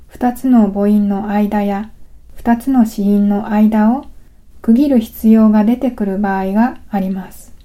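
A woman talks through a scripted pronunciation lesson in a calm, deliberate way. Her voice is very dark and mellow, a little higher than usual, and she speaks slowly. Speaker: language teacher.

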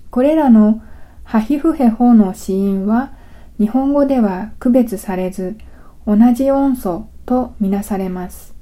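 Slow, dark-voiced woman language teacher. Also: a little high. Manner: slow, careful, deliberate explanation. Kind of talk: scripted lesson narration.

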